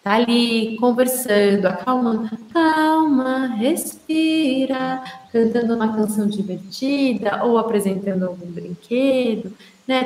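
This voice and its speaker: A woman's voice: fairly high pitch, a little mellow. A woman with a Brazilian Portuguese accent giving casual, chatty advice to parents, often checking in with her listeners. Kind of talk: casual explanatory advice talk. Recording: roomy echo.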